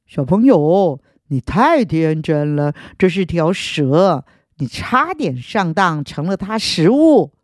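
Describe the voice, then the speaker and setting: Raspy old storybook owl, voiced by a woman, wise and a little boastful. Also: lowish voice, sing-song, takes it slowly, a little mellow, dry recording, clean studio sound. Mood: kindly knowing.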